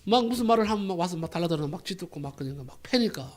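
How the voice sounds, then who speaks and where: Brief: male pastor, high-pitched, preaches with emphatic rhetorical questions. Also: expressive, very fast, darkish tone. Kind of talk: sermon.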